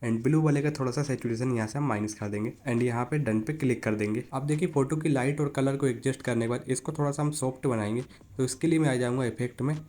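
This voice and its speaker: Talking quickly with few pauses, this host guides viewers through editing photos in a phone app, step by step. His mid-range voice has a darkish tone, and his instructive, chatty style includes calling them "buddy" (यार) and repeatedly urging them to look.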